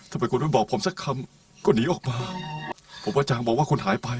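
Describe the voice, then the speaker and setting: A man's voice: medium pitch, lively intonation, a little fast, darkish tone, soft background music, close to an everyday voice. An actor dubbing an earnest young man in love in an older film melodrama, speaking in a pleading, sincere way. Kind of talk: Thai dub of a 1960s film melodrama. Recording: distant voice over film score.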